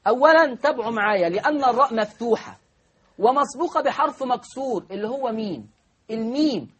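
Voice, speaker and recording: Egyptian male teacher, high husky voice, quizzes listeners, drawls example words. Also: lively intonation, a bit bright. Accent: Egyptian Arabic. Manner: drawls example words slowly, asks the class questions. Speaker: Quran recitation teacher. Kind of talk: spoken lesson on recitation rules.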